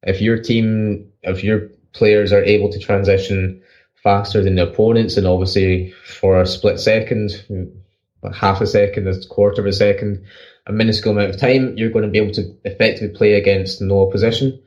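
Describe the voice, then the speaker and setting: A man co-hosting a podcast, explaining football tactics in rapid bursts with frequent restarts. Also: lowish voice, steady tone, a little mellow, highs cut off. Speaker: podcast co-host, football analyst. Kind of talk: casual analytical chat.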